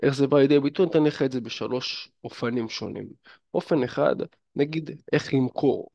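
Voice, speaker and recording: Gravelly, chatty man giving advice. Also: medium pitch, a little mellow, no echo, lo-fi sound. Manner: chatty, addresses listener directly, many fillers. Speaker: fitness and dating coach. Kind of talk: casual advice monologue to camera.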